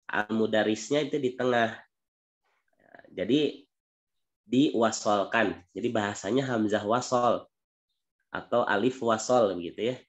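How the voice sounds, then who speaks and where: A man's voice: on the low side, measured pace, pauses often. A man teaching an online Arabic reading class, explaining patiently and repeating examples.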